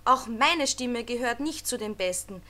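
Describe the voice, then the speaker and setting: A woman voicing fussy, know-it-all grown-up angels in a storybook reading, brisk and lecturing. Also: on the high side, lively intonation, sharp tone. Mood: encouraging.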